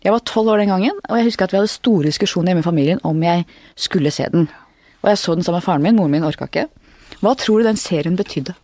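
A woman in her fifties hosts the conversation, asking calm, prompting questions. Her voice sits fairly low, with a mellow, dark tone, and it is recorded dry and close to the mic. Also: dry recording. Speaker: interviewer. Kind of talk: interview questions.

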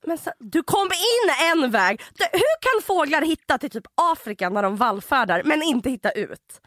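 Podcast co-host, woman, high bouncy voice, dry close sound, acts out stories. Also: dry recording. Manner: animated storyteller, acts out others loudly. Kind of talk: casual chat.

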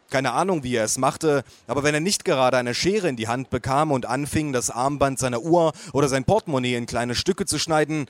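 Calm male audiobook narrator. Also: medium pitch, no room sound. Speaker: audiobook reader. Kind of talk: first-person audiobook narration.

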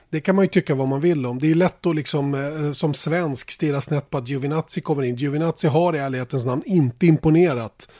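Swedish male host, slightly high mellow voice, filler-heavy chat. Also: dry recording, clean studio sound. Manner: thinking aloud with many fillers and restarts. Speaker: podcast host. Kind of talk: casual motorsport podcast chat.

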